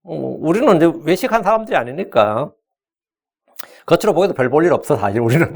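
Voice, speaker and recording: A man's voice: a little high, very animated, fast. A middle-aged man preaching a sermon as pastor, colloquial and joking, acting out quoted voices with a Korean accent.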